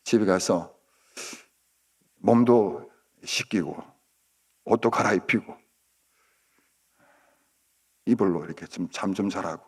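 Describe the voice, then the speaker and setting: A man preaching at a dawn prayer service, telling a story dramatically and swinging between loud outbursts and hushed asides. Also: low voice, slow, pauses often, slightly rough. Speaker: pastor.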